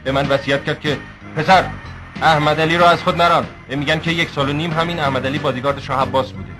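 A man as a deadpan film narrator over music. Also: on the high side, lightly acted. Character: deadpan man narrating his family past.

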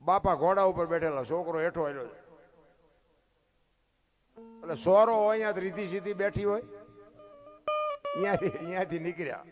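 A man tells devotional folk tales from a stage, his voice sitting high. He talks in a folksy, emphatic way and throws rhetorical questions at the crowd. Plucked string music plays clearly behind him. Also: moderate pace, pauses often. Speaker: folk storyteller. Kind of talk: devotional folk storytelling talk.

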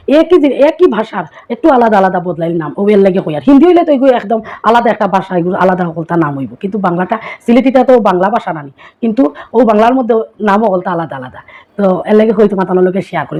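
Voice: medium pitch, a little mellow, lo-fi sound. A small content creator with a Sylheti accent from Assam, India, explaining words in a casual vlog. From Karimganj, Assam, India. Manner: chatty, keeps asking listeners rhetorical questions.

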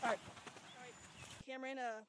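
A man's voice: very high voice, level tone, moderate pace, heavy background noise. A teenage boy from Georgia hosting a casual fishing vlog outdoors by a pond, chatty and joking. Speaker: vlog host.

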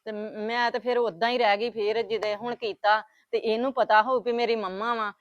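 A woman's voice: a little high, steady tone, a little fast, no echo, highs cut off. A woman playing a grandmother, talking in a coaxing, consoling way in a family web drama.

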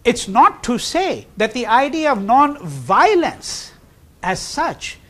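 A man giving a university history lecture, animated, posing rhetorical questions and checking in with "okay?" and "right?". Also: very high-pitched, slow.

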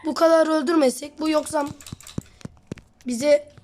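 A woman with a high-pitched voice chats and teases while she plays, talking straight to her viewers. She says she is sick. A faint hiss and some mouse clicks sit behind her. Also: steady tone, a little slow, darkish tone, shouting. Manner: chatty, teasing, addresses viewers. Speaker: gamer and channel host. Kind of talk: casual gameplay commentary.

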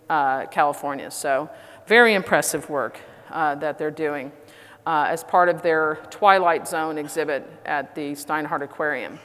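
A woman's voice: on the low side, fairly bright tone. A middle-aged woman with a Texas accent giving a conference talk, chatty and self-deprecating with frequent fillers. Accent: Texan. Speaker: conference speaker. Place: large conference hall. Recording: reverberant conference hall.

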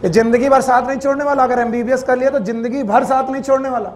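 This biology teacher's voice is extremely high, quick, and fairly even in intonation. During his classroom lecture he questions students, scolds them, and jokes around, mixing English terms into Hindi.

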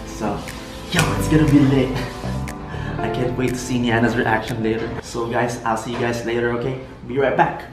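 An excitable young man talks casually and slangily to his vlog camera. His medium-pitched voice bounces around an echoey living room, with loud music over it. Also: normal speed. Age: young adult. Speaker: vlogger host.

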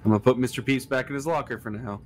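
A man chatting casually while playing a co-op game, easygoing and quick to laugh. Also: medium pitch, soft background music. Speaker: co-op player. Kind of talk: casual gaming chat.

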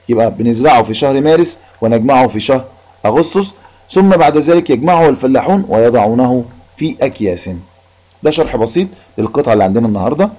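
A man with an Egyptian accent teaching an Arabic lesson, reading a passage and explaining it in colloquial speech, repeating each point slowly. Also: medium pitch, mellow. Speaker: primary school Arabic teacher. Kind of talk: recorded classroom lesson. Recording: dull lo-fi recording.

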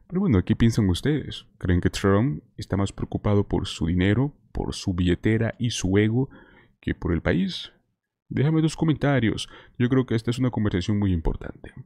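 Mellow, low-voiced man commenting on news. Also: dry recording, clean studio sound. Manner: conversational, with rhetorical questions and tag questions. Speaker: political commentator. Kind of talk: online news commentary addressed to viewers. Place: small indoor streaming setup. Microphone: close desk microphone with headphones.

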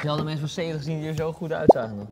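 A man's voice: a little high, racing, heavy background noise. A man hosting and judging contestants, joking around in casual, teasing banter. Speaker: show host and judge. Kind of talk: casual chat.

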